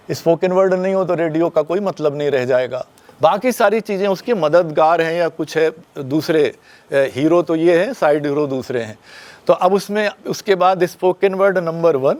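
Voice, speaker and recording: An older man giving a classroom lecture at a media school, quizzing the students and acting out pauses and stress, and firmly telling them to put their phones away. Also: high-pitched.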